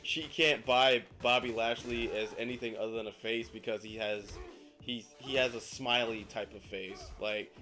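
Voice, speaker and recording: A man's voice: mid-range voice, fairly even intonation, moderate pace, pushed and bright, faint music behind. A man hosting a casual chat while playing a video game, easygoing and agreeable, muttering at the game now and then. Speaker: host.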